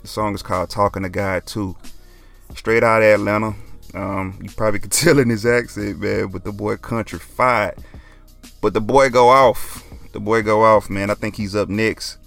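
A man's voice: on the low side, vocal fry, fairly bright tone. A young man, talking casually as a podcast host, laid-back and joking, often dropping "man". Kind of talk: casual solo podcast talk.

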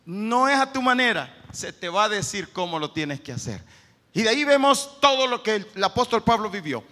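A man preaching a sermon, swinging between loud urgent bursts and low quiet stretches. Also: big pitch swings, normal speed. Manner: preaching with sharp swings in pitch and loudness. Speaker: pastor. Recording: long hall reverb.

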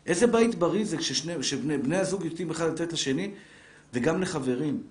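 Speaking in a slightly high voice, a middle-aged male rabbi gives a lively live Torah lesson in a lecture room full of seated listeners. He talks right to them with rhetorical questions, and the sound carries a roomy echo.

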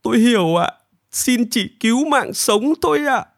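A man voicing a greedy, boastful, cowardly middle-aged man in a storybook tale, in a high, shrill, wheedling sing-song. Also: big pitch swings, takes it slowly, dry recording, studio quality. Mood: wailing. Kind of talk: storybook character voice.

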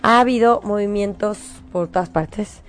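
Mexican lady hosting, angel predictions, coaxing and animated, middle-aged, average pitch. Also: measured pace. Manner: warm, coaxing, animated advice with laughs. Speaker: host giving angel predictions. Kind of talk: spiritual advice on a chat show.

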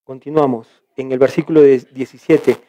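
Mellow-voiced man teaching a Bible study. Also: mid-range voice, fairly even intonation, normal speed, dry recording. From Peru. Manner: reads scripture aloud and explains it, with frequent restarts.

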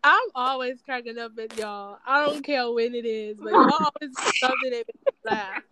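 A young woman hosting a podcast, chatting casually in an animated, teasing way and laughing often. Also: on the high side, normal speed, very noisy. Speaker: podcast host. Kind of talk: casual chat.

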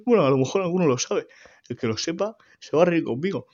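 A man giving an earnest, halting personal faith testimony about caring for his dying mother. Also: fairly high pitch, lively intonation, darkish tone, muffled recording. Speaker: grieving son giving testimony.

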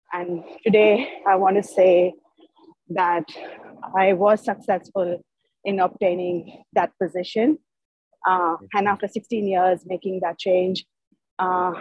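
A devout woman giving an informal, deliberate spoken testimony to a prayer group on an online call. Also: lowish voice, breathy edge, no echo. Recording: dry, dull call audio.

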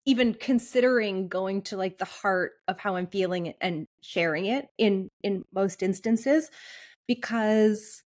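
Woman podcast co-host, casual chat, candid, mid-pitched voice. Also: a little slow, darkish tone.

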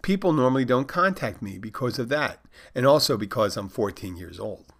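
With an earnest deadpan, a man voices a naive fourteen-year-old Polish expat boy reading out stilted, overly formal text messages. His medium-pitched voice is animated, fairly quick and fairly bright.

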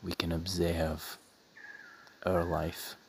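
A man softly leading a guided meditation in a breathy, soothing half-whisper, with measured phrases and long pauses. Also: sits low, flat delivery, slight background noise.

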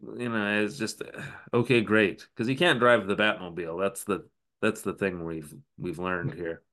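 In a casual recap chat, a podcast co-host speaks with a slightly low, fairly bright voice in a steady tone, a little slow. His delivery is loose and conversational with dry sarcasm, like talking to a friend, and he mockingly quotes the characters.

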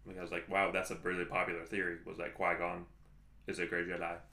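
A man's voice: low voice, monotone, fast, pushed and bright, reverberant. A man co-hosting a podcast in casual chat, rambling with many restarts and fillers. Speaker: podcast co-host.

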